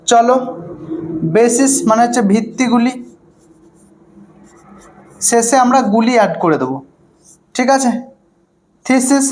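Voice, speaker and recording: A man's voice: extremely high pitch, darkish tone. Male teacher, Bengali accent, online exam-prep lecture, repetitive, self-answering questions. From West Bengal, India. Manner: asks rhetorical questions and answers them himself; repeats words and often says "okay". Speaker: English teacher.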